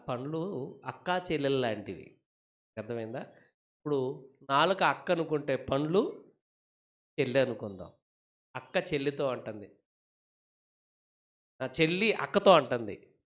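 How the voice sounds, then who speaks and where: A man preaching a sermon with animation, repeating phrases and asking rhetorical questions. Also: fairly high pitch.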